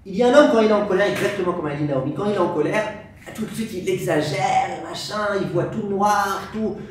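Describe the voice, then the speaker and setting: A man teaching a Torah class as a rabbi, animated, acting out angry exchanges and quizzing his audience. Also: high-pitched, a little fast. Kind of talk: lively Torah lesson to an audience. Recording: very echoey room, voice from far off, faint hiss.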